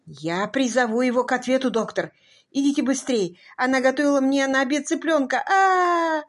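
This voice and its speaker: A woman's voice: a little high, brisk, natural voice. A woman voicing a frantic, grief-stricken husband who cries out his pleas in an audiobook reading. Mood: hysterical. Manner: shrieking, sobbing pleas. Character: frantic grieving tall husband, hysterical.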